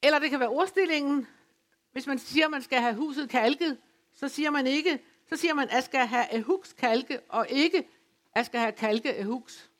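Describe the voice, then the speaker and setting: A woman from West Funen giving an academic lecture, speaking in a measured, explanatory way with occasional hesitations. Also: high voice. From West Funen, Denmark. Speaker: lecturer on dialect literature. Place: folk high school lecture venue.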